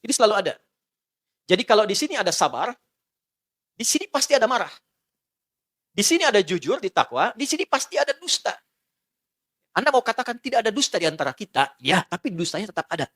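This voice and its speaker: Lively relaxed male preacher. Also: high voice, quick pace, long pauses. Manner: relaxed, joking lecture with acted dialogue. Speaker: Islamic preacher. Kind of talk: sermon.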